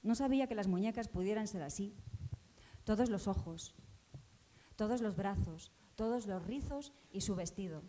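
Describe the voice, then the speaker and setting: A woman's voice: mid-range voice, moderate pace, warm tone, a little hiss or hum, lightly acted. A woman voicing Valentina, a poor village girl remembering her childhood, in a breathless, childlike theatre reading. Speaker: actor in a stage reading.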